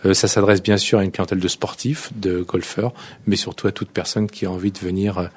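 Male guest, low dark voice, halting speech full of fillers. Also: little pitch movement, slightly rough. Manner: hesitant, many fillers. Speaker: guest, company director. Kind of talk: radio interview.

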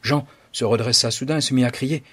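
A man reading a story aloud in a dramatic, measured narration. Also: medium pitch, a bit bright, slightly rough, dry recording.

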